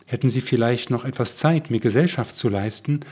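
Guy reading as a refined old gentleman, polite and formal. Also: medium pitch, brisk, breathy edge, natural voice. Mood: courteous. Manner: courteous, formal. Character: polite, cultivated elderly gentleman.

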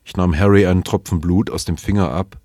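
A man reading a novel aloud in measured, sober, first-person storytelling. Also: sits low, steady tone, dark tone, no echo, clean studio sound. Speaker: narrator.

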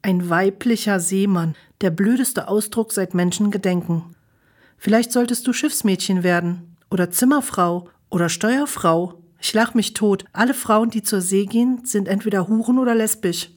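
A woman's voice: mid-range voice, normal speed, darkish tone, close to an everyday voice. A woman voicing a cocky, mean younger brother who taunts his sister, in a storybook reading. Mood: mocking. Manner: mocking, taunting.

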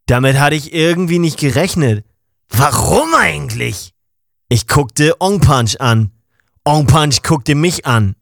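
A man's voice: a little high, a bit bright, no echo, studio quality. A man narrating a first-person audio story in a casual, colloquial and ironic way.

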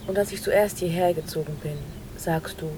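A woman with a lowish voice narrates a scripted literary audio play at a normal speed, unhurried and in short phrases. The recording is noisy, with clear background noise.

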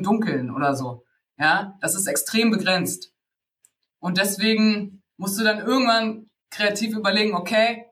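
A woman's voice: mid-range voice, a bit bright. A woman rapper from Berlin explaining how to write rhymes in a loose, slangy way, often laughing and restarting her sentences. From Berlin, Germany. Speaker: rapper giving rap-writing tips. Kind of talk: casual spoken tutorial.

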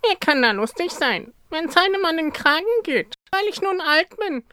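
A storyteller voicing a gloomy old cat in a high, whiny, complaining voice. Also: lively intonation, normal speed, pushed and bright, no echo, clean studio sound, exaggerated voice. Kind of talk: storybook reading.

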